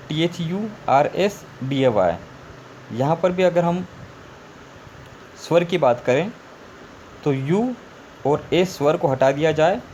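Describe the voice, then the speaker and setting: A man's voice: fairly high pitch, a little mellow. A male teacher giving a spelling lesson, spelling words out letter by letter and repeating them. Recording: faint background noise.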